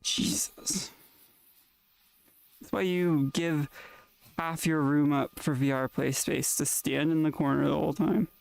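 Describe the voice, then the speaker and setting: A live streamer with a sick, rough-sounding voice, chatting casually and rambling to viewers, often trailing off into fillers. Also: medium pitch, fairly even intonation, normal speed, darkish tone. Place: at home in a VR play space.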